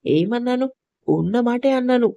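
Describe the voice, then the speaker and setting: A woman's voice: fairly high pitch, expressive, normal speed, vocal fry, warm tone, no room sound. A woman voicing a jealous, harsh young husband who scolds and accuses his wife in a told story. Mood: accusing. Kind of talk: storybook narration.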